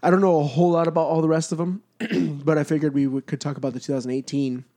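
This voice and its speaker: Man, nasal congested voice, dark mellow tone, casual podcast chat, host. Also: a little high, fairly even intonation, quick pace. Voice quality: nasal from blocked sinuses. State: congested from cat allergy.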